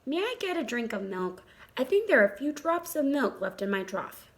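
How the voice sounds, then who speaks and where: A woman's voice: high-pitched, very animated, normal speed, voice pushed up. A woman voicing a young male pig in a storybook, anxious, eager and innocent, with a pleading, questioning way of talking. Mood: earnest, childlike.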